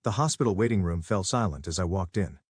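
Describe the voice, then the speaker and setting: Low husky male storyteller. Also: fast talker, dry recording, clean studio sound. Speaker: story narrator. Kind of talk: scripted first-person narration.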